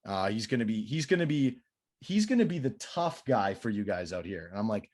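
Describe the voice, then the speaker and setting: A man, a goalie coach telling a story as a podcast guest, animated and swearing freely, his voice rising when he acts out quotes. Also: on the low side, fairly quick.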